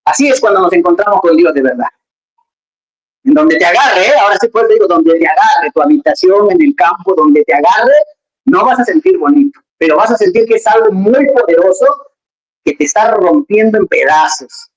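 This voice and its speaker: A preacher delivering a lively sermon in a loose, conversational way. The talk is peppered with joking asides and questions thrown out to the listeners, in a mid-pitched voice. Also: moderate pace, low-quality recording.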